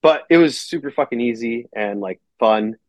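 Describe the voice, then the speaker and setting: A man's voice: mid-range voice, lively intonation, moderate pace, dry recording. A man who is a pro wrestler and company owner, a guest on a casual podcast, talking in a rambling, profane way and using "like" constantly. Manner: rambling and profane, heavy on filler "like". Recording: dry, slightly muffled recording.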